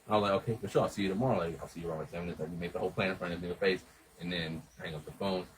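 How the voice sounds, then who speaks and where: A man telling a rambling, animated story in casual chat, swearing a lot and acting out what everyone said. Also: low-pitched, rapid-fire, a little hiss or hum, low-quality recording. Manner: rambling, animated retelling with lots of swearing and quoted dialogue.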